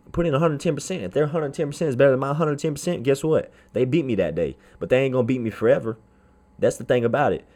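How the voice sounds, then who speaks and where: A man's voice: on the low side, darkish tone. A man hosting a motivational podcast, speaking straight to the listener in an emphatic, repetitive, colloquial way. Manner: informal, colloquial phrasing. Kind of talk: motivational speech.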